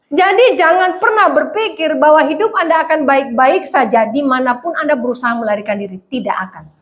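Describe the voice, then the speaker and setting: A middle-aged woman pastor, preaching a lively conversational sermon and acting out voices. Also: high-pitched. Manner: animated, acts out voices, laughs often.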